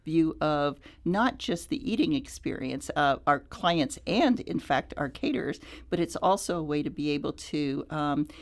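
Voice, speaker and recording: Low-voiced woman, thoughtful radio guest. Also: expressive. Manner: thoughtful, halting with restarts. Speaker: nonprofit CEO, guest. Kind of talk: radio interview.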